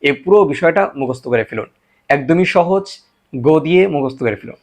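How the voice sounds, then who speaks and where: A man teaching a spoken English lesson, a Bengali speaker who repeats example sentences slowly and translates each one. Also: fairly high pitch, lively intonation, a little mellow.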